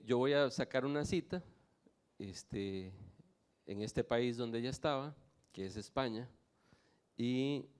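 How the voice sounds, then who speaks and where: A man from Nicaragua telling his personal faith testimony to a church audience, with lightly humorous anecdotes. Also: medium pitch. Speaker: guest giving a testimony.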